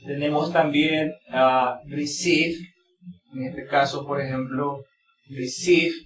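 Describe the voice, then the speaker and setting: A man explaining English word stress in Spanish, slow and repetitive with many fillers, pausing to model each word. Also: medium pitch, level tone. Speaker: English pronunciation teacher. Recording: echoey room, distant mic, crowd noise.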